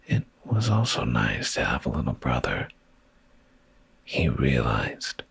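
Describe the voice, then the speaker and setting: Softly reading a bedtime story in ASMR style, a man speaks close to the microphone in a deep, gravelly, breathy voice that often becomes a whisper. He sounds drowsy and soothing, and there's no echo.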